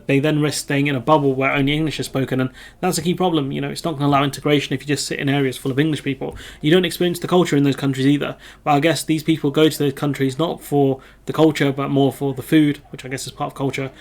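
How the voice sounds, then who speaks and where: A British man hosts his own video channel, reading a news story aloud and adding rambling, self-correcting commentary full of ums. His mid-range voice has a level tone and a fast pace.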